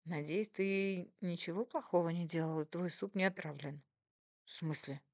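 A stiff, reserved husband, read by a woman, quiet and restrained, often grumbling under his breath. The voice is lowish and close, with a dry sound. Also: moderate pace, dry recording, close to an everyday voice.

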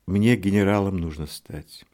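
A man voicing an eager, cocky young male student who talks briskly in an audiobook. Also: sits low, a little mellow, pitched above the performer's own voice.

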